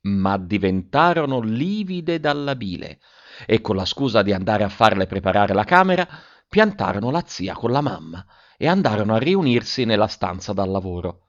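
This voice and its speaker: A man reading a child's diary aloud as a story, lively and theatrical, with big swings in pitch and loudness. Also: normal speed. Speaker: audiobook reader. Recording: dull lo-fi recording.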